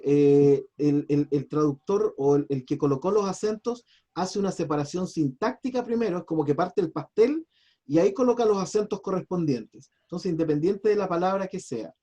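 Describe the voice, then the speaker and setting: Pastor guy walking a class through hebrew, kinda high mellow voice, patient and chatty. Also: lively intonation, moderate pace, highs cut off. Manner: patient, explanatory, chatty with restarts. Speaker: pastor teaching biblical Hebrew. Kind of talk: online class lecture.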